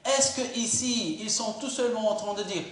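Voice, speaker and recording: A man from Brazil preaching a sermon in a church, animated and acting out quoted voices. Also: high voice, moderate pace. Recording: echoey church hall.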